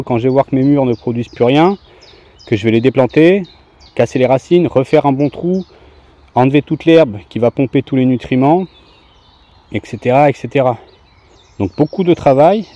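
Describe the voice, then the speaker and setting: Mellow-voiced man giving casual gardening instruction. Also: medium pitch, dull audio. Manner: plain-spoken, didactic, colloquial. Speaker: gardening video host.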